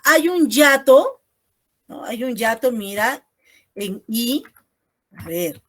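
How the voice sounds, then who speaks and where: Slow, patient woman teacher. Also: fairly high pitch, animated. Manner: explains patiently, tags most phrases with a questioning "no?". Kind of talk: online class lecture. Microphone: video call.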